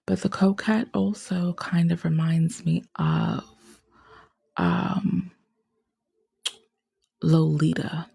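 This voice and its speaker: A woman musing in a casual, rambling chat, often drifting into soft whispers. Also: on the low side, fairly even intonation, drawn-out words, creaky, pauses often, husky, dry recording, clean studio sound. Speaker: tarot reader.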